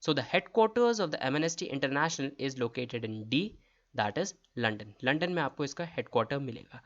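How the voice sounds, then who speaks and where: A man's voice: mid-range voice, expressive, takes it slowly, a bit bright, dull audio. A man running an exam-prep quiz lesson, reading each question and its options aloud before explaining the answer. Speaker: quiz tutor.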